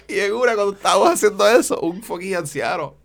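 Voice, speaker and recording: Animated young man telling stories. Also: sits high, moderate pace, vocal fry. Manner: animated storytelling, mixing English into Spanish, acting out voices. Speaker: podcast host. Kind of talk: casual chat.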